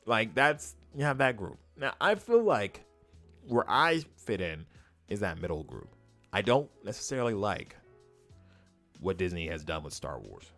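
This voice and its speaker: A man hosts a casual livestream with faint music in the recording. His pitch moves around a lot as he makes his points. He speaks emphatically and opinionatedly, often saying a phrase twice to drive it home. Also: big pitch swings, measured pace, a bit bright. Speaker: YouTube host and streamer.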